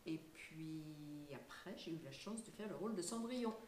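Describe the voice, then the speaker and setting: A woman's voice: lowish voice, expressive, normal speed, darkish tone, reverberant, slight background noise. An older woman being interviewed, talking casually and hesitantly with many fillers and light laughs. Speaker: singer and voice actress, guest.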